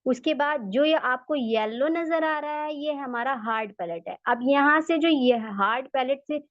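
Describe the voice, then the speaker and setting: A high-voiced woman with an Urdu accent teaches recitation at an unhurried pace, patiently repeating each sound so students can copy it. The recording is dry and a little dull. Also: no echo. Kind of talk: slow step-by-step lesson.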